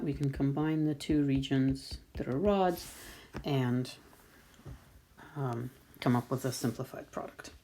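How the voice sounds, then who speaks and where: Lady math teacher walking thru a problem on screen, slow and patient, faint hiss. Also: deep voice, warm tone. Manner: slow, patient, thinking aloud while drawing. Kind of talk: screen-recorded lesson walkthrough.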